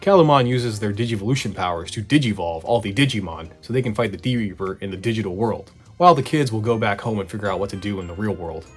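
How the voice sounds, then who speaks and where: Male retrospective host, lowish and quick, sarcastic and casual, music underneath. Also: lively intonation, slightly rough. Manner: sarcastic, conversational, swearing. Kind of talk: casual scripted recap narration. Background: background music.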